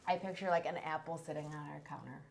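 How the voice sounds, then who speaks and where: A woman's voice: low voice, quick pace, creaky. A woman co-hosting a casual chat, hesitant and searching for words, often repeating herself. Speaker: co-host.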